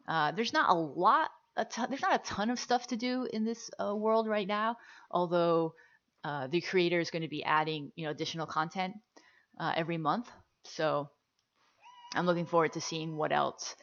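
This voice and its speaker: Low gravelly-voiced woman hosting a gameplay video. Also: fairly bright tone, highs cut off. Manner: chatty, upbeat, with frequent fillers. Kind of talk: casual gameplay commentary.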